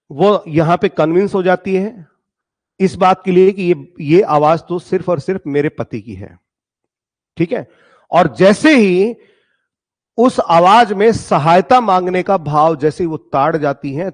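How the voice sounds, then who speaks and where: A man teaching a lesson, reading poem lines slowly and dramatically, then explaining them and asking the class rhetorical questions. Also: fairly high pitch, a little mellow. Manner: addresses students as "beta", asks rhetorical questions.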